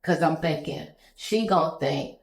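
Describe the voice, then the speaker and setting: A woman in her thirties, a business owner telling stories in a relaxed, conversational interview chat. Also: low voice, unhurried. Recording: echoey room.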